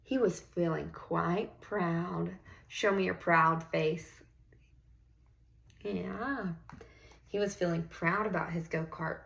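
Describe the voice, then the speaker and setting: Low-pitched and marked by vocal fry, a female teacher's voice moves slowly through a picture book for young children. She reads expressively, drawing out key words, and makes the session interactive with questions and words of praise.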